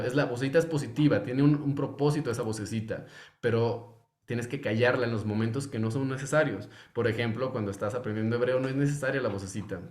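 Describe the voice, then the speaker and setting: Man teaching in an echoey room. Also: mid-range voice. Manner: conversational, many fillers and restarts. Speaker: Hebrew course teacher. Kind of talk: informal recorded lecture.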